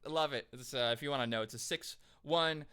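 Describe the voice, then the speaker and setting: Excitable man scatting beats, bright voice. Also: medium pitch, a little fast, soft background music. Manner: excitable, scats rhythms out loud to explain them. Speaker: composer reacting to music. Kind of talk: casual reaction commentary.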